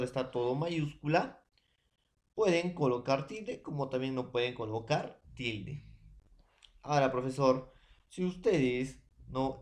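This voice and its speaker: In a remote class, a Peruvian man teaches a secondary school language lesson in a Peruvian Spanish accent. His pitch is middling, and he repeats himself, going back over each point and adding tag questions and "profesor" to almost every sentence.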